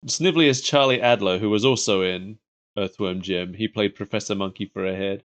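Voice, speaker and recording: A man's voice: fairly low pitch, a little fast, a bit bright. A man co-hosting a podcast, chatting casually about cartoons like an enthusiastic fan. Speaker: podcast co-host. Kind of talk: casual chat reviewing cartoons.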